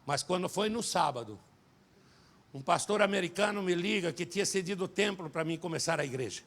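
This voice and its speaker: Gravelly high-voiced Brazilian pastor. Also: male voice, brisk. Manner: animated storyteller, acts out quotes, shouts at climaxes. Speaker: pastor and singer. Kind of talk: sermon with personal testimony. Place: church service.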